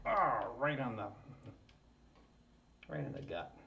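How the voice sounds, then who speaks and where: This man, hosting his maker channel from a basement workshop at home, is very animated but takes things slowly, his medium-pitched voice set against heavy background noise. He chats casually, cracks jokes at his own expense and chuckles frequently as he builds a 3D printer kit. A tripod camera across the table records him, giving roomy, distant, slightly dull audio.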